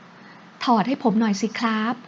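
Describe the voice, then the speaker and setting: A woman's voice: a little high, expressive, a little mellow, a little hiss or hum, natural voice. Woman doing a wheedling young husband. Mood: coaxing. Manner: coaxing, drawn-out pleading. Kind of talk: audiobook character voice. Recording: dull lo-fi recording.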